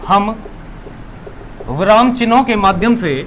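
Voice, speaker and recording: High-voiced man teaching a lesson. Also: animated, measured pace, a bit bright, slight background noise. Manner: repeats key words, asks and answers his own questions. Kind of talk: classroom lesson.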